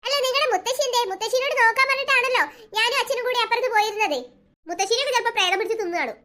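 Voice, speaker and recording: Anxious cartoon mum, pleading, quick and very high, played by a voice actor. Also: bright, forceful tone. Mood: puzzled. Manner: fussing, pleading. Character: fretful cartoon mother, anxious and fussing. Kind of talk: cartoon voice acting.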